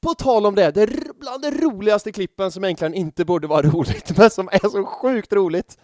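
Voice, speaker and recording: Male podcast host, chatty and self-mocking, slightly high voice, dry close sound. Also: darkish tone, no room sound. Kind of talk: casual chat.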